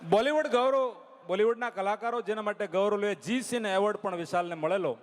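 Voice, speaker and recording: A man's voice: high-pitched, fairly quick. A man telling jokes on stage as a comedian, spinning stories and urging the audience to clap. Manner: storytelling, urges audience to applaud. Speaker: stand-up comedian. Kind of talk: live stage joke-telling. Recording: long hall reverb.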